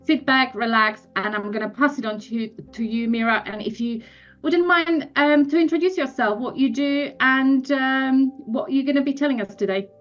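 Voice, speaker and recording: A woman's voice: high voice, moderate pace, fairly bright tone. A woman hosting an online seminar, opening it hesitantly with many fillers over a video call. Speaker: seminar host. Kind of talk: introducing a seminar. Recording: dull lo-fi video call audio.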